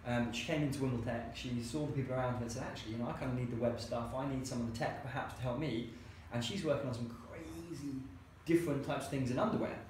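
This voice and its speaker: This man founded a co-working space, and in an anecdotal interview he spins chatty stories, voicing the dialogue of those he quotes. He speaks at a quick pace with few pauses, his medium-pitched voice a little mellow. The recording is very echoey, with faint hiss underneath.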